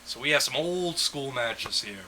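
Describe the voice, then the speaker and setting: A man's voice: medium pitch, lively intonation, unhurried, bright, forceful tone, slight background noise, poor audio. A man co-hosting a podcast in casual chat, laughing often and reading lists aloud. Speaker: podcast co-host.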